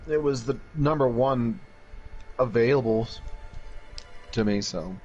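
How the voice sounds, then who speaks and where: A man's voice: mid-range voice, slow pace, a little mellow, dull audio, faint music behind. A man chatting casually as a companion during a gaming session. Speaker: streamer's chat companion. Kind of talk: casual chat.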